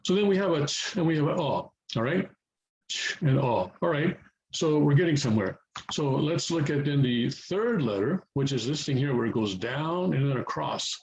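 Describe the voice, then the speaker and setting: In a relaxed home tutorial, a man who speaks English natively patiently explains how to read Korean letters, frequently repeating himself and checking in. His slightly high, slightly mellow voice is animated at a normal speed. The rough recording catches traffic passing on a nearby highway.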